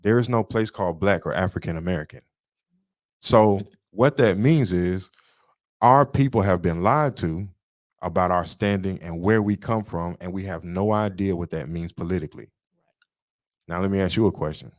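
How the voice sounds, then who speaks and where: A man's voice: low voice, moderate pace, no echo, studio quality. A man co-hosting a podcast, lecturing in an emphatic way and repeating his points. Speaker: podcast co-host. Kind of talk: casual political talk.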